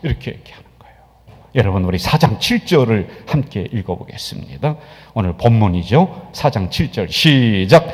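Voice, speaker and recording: A male pastor preaching a sermon, swinging from loud proclamation to hushed whispers. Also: medium pitch. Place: church sanctuary. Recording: church hall with long reverb.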